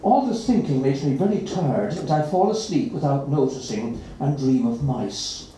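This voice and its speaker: A reader at an open mic, reading a children's story aloud in an expressive, dramatic way. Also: mid-range voice, normal speed, slight background noise. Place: live reading event. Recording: echoey room from far off.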